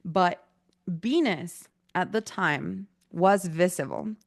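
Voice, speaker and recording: Chatty woman, low-pitched voice. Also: takes it slowly, gravelly, no echo, studio quality. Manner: casual, chatty, with many fillers. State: irritated throat, coughing. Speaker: workshop teacher. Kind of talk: online presentation talk.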